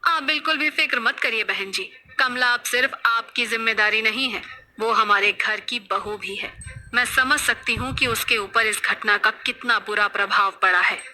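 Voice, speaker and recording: A woman voicing a composed middle-aged mother-in-law who speaks calmly and formally. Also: fairly high pitch, normal speed, full character voice. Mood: reassuring. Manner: calm, formal and reassuring.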